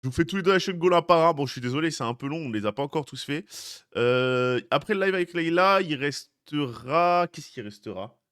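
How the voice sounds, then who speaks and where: A man's voice: on the high side, expressive, fairly quick, fairly bright tone, clear, resonant tone. A young man streaming live, chatting casually with his viewers, greeting them by name and teasing them. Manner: chatty, greets chat by name, jokey asides.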